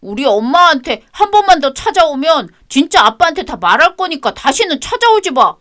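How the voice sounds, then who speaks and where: A woman's voice: sits high, big pitch swings, a little fast, a bit bright, pitched above the performer's own voice. A stubborn, defiant little schoolboy in a radio drama, as a woman puts him on. The voice is pushed far up into a child's register, insistent and pleading. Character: defiant young schoolboy protecting his mother.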